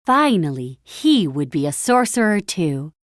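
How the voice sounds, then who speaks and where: A woman narrates a children's story aloud, her voice lively and melodic at a measured, slightly slow pace. She stresses key phrases for dramatic effect, and the recording is dry with no room echo. Her pitch is fairly low.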